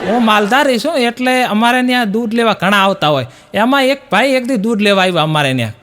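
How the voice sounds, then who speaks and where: A man's voice: sits high, expressive, a little fast, fairly bright tone, a little hiss or hum. A young man with a Gujarati accent doing stand-up, telling folksy jokes and acting out the dialogue in a playful way. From Gujarat, India. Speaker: stand-up comedian.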